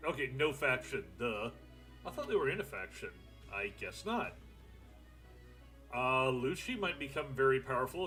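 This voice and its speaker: A man's voice: medium pitch, bright, forceful tone. A young man streaming a strategy game, thinking aloud in casual, rambling commentary with the odd swear.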